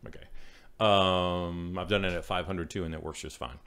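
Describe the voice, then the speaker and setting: His voice is low and steady, fairly bright and clean, at a normal speed. This middle-aged man co-hosts a laid-back podcast, chatting about a biscuit recipe with plenty of jokes, rambling and apologies.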